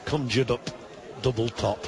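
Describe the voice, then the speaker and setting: A man giving live darts commentary, measured and analytical, with considered pauses. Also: mid-range voice, steady tone, over music. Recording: busy crowd behind commentary. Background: darts crowd.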